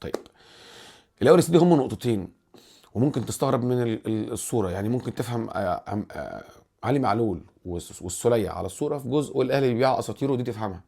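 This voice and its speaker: A man with an Egyptian accent hosting a casual football commentary vlog, animated and rambling, restarting his words often. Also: medium pitch, very fast, vocal fry. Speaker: football channel host.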